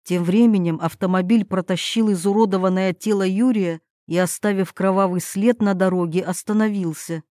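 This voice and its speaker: A woman narrating a novel in a steady, measured storytelling voice. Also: mid-range voice, no echo, clean studio sound. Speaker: audiobook narrator. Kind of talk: scripted narration.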